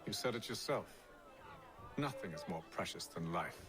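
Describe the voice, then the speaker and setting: An actor playing a composed male leader who speaks formally and deliberately in a game. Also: sits low, expressive. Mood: probing. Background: game music.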